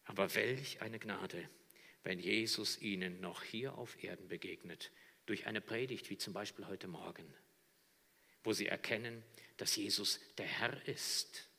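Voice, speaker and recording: A man delivers a sermon in a bright, forceful voice that carries a long reverberant tail from the hall. He drops to near-whispers and then climbs to loud, high shouts. The delivery is theatrical and impassioned. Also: unhurried, vocal fry. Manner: dramatic swings from hushed whispers to soaring shouts. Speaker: preacher.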